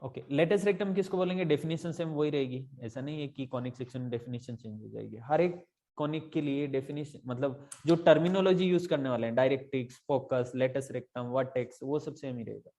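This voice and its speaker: Male math tutor, mellow dark tone, casual step-by-step explaining, keeps checking students follow, English math terms mixed in. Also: medium pitch, a little fast.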